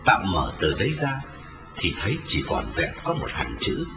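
A man narrating a dramatic story, expressive in his storytelling. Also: sits low, normal speed, vocal fry. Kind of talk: dramatic audiobook reading. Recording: roomy, lo-fi, distant, with music.

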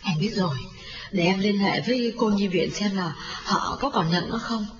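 Man doing a high-pitched young mother, frantic, sobbing, wailing, echoey, music behind. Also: normal speed, noisy background, natural voice. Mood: resigned. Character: frightened young mother, woman, grieving and frantic. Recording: roomy, lo-fi, distant, with music.

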